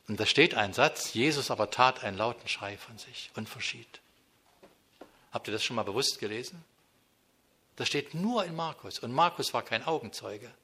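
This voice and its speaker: Earnest preacher, bright voice. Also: male voice, mid-range voice. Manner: earnest, shifts between emphatic and hushed intimate tone. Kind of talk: sermon.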